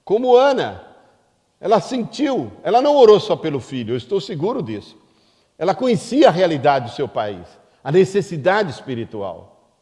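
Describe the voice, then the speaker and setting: High, lively Brazilian pastor preaching. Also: male voice. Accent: Brazilian Portuguese. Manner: emphatic preaching with slow stressed phrases. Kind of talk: sermon. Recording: long hall reverb.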